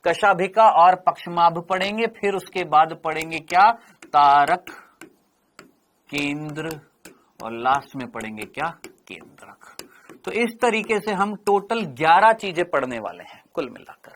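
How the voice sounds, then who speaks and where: A middle-aged male teacher giving a biology lecture, asking questions and answering them himself, and drawing out key words slowly. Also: on the high side, animated, a bit bright. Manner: stretches out key terms slowly.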